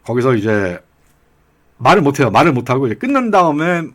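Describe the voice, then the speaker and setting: A man's voice: medium pitch, sing-song, a little fast. A middle-aged man giving casual political commentary, telling rambling anecdotes with chuckles along the way. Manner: acts out regional dialect quotes.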